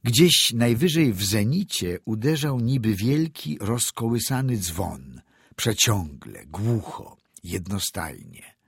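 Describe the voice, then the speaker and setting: A man narrating classic prose as an audiobook reader, measured and descriptive. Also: lowish voice, very animated, vocal fry, slightly rough, no room sound, clean studio sound.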